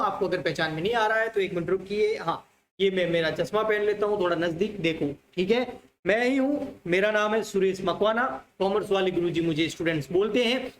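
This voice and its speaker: A man's voice: high voice, slight background noise. A male teacher giving an online commerce lecture, repeating points and asking his students questions, calling them dear children. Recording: echoey room, faint ambience.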